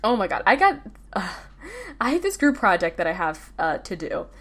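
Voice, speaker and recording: A woman's voice: medium pitch, big pitch swings, normal speed, fairly bright tone. A teenage girl hosting a casual solo podcast, rambling with lots of fillers and restarts. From United States. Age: teens. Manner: rambling, filler-heavy, self-interrupting. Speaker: podcast host.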